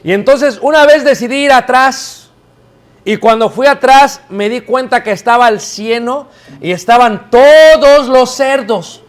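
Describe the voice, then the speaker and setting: A man preaching to a live congregation in a church, his pitched notably high. He tells stories with energy and keeps tossing questions out to the listeners so they answer back. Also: measured pace. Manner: lively storytelling, calls out questions to the congregation. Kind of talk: sermon.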